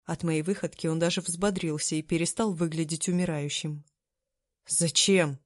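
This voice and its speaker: A woman reading a novel aloud as first-person scripted narration, in a steady, even storytelling manner. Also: low-pitched, fairly quick, dry recording, studio quality. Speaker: audiobook narrator.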